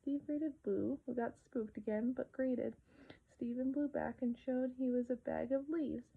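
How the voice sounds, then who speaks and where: A woman's voice: a little high, fairly even intonation, measured pace, gravelly, slightly rough. A woman casually retelling a children's episode, with occasional whispered asides. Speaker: storyteller. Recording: narrow phone-like sound.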